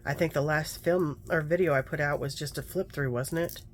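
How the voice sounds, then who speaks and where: Working on her craft journal, a female craft vlogger tells stories casually and mutters to herself as she goes. She speaks fairly quickly in a low-pitched voice with fairly even intonation, over slight background noise.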